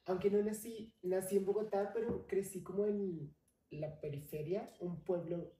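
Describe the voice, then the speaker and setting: A woman's voice: medium pitch, steady tone, normal speed, dark tone. A young adult woman from Colombia, telling her story expressively as a podcast guest in a casual interview. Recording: roomy, slightly distant mic.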